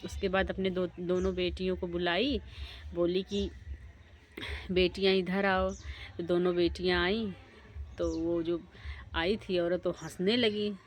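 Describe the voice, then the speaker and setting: A woman's voice: fairly low pitch, steady tone, a little slow. Woman telling a folk tale. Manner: plain, repetitive narration. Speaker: storyteller. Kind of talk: casual oral storytelling.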